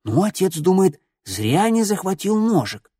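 A man voicing an excitable young village boy who eagerly tells a spooky rumor in a raised, lively voice. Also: measured pace, breathy edge, no room sound, studio quality, heavily acted. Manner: eager, breathless storytelling, high and lively.

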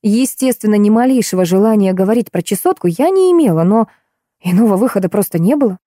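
Mellow-voiced woman narrating an audiobook. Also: medium pitch, animated, fast, no echo, studio quality. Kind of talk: first-person scripted narration of a comic detective novel.

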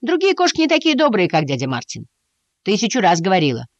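A woman voicing a chorus of cheeky, restless young mice in a storybook reading, loud and brash. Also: medium pitch, wildly swooping pitch, fast talker, dry recording, lo-fi sound, pitched above the performer's own voice.

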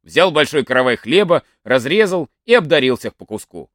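Animated male folk-tale narrator. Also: on the high side, moderate pace, no room sound, studio quality. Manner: expressive, animated storytelling.

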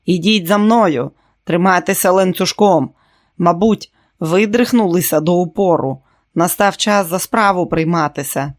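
A man's voice: high-pitched, unhurried. A man putting on a bellowing cruel overseer. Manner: loud, barking orders. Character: harsh bellowing male mine overseer.

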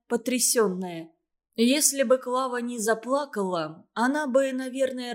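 A woman narrating a novel in a steady, expressive storytelling manner. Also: on the high side. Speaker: audiobook narrator.

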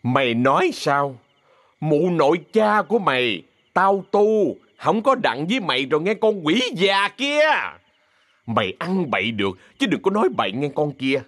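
A man voicing a fierce older woman who runs a theater troupe, cursing and yelling threats in a Southern Vietnamese accent. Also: mid-range voice, expressive, normal speed, no room sound, natural voice. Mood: raging.

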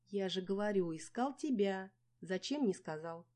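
A woman's voice: medium pitch, lively intonation, moderate pace, a little mellow, pitched above the performer's own voice, lightly acted. A woman reading an audiobook voices a chatty, fussing middle-aged mother who exclaims, laments and teases.

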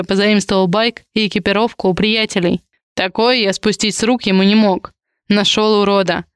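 A woman's voice: mid-range voice, clean tone, dry recording, clean studio sound, lightly acted. A woman reading an audiobook, voicing a protective, possessive young man in clipped, blunt lines.

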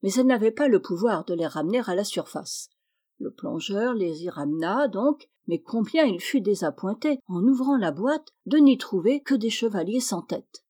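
Woman, audiobook reader, mellow tone, expressive storybook narration. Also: mid-range voice, normal speed. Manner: expressive, lifts her voice for characters.

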